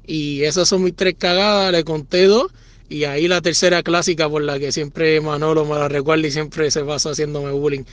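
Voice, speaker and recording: A man's voice: fairly high pitch, steady tone, normal speed, no echo. A man with a Puerto Rican accent casually telling a crude, self-mocking story as a listener sending in to a podcast. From Puerto Rico.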